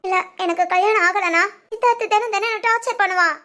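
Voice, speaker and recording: A performer voicing a young cartoon sister, pleading and emotional, very high voice, quick talker. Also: sharp tone. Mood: tearful resolve. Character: young woman, tearful devoted younger sister. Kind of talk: cartoon voice acting.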